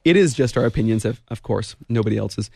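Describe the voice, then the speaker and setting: A man hosting a casual radio talk show, talking fast with quick interjections and frequent laughs. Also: on the low side, gravelly, darkish tone, husky, no room sound, studio quality. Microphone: studio microphone.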